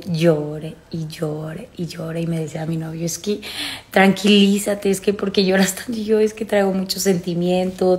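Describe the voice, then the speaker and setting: Woman, thirties, Mexican accent, lowish voice, halting emotional confessional chat, phone recording at home. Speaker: vlogger. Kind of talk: casual confessional chat to followers. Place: small room at home, indoors. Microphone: phone at arm's length.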